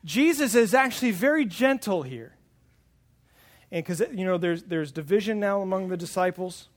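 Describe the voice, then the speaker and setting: Wearing a wireless lapel mic pack, a male pastor delivers a sermon to his congregation in a high, animated voice at normal speed. Earnest in manner, he frequently repeats words when starting a thought.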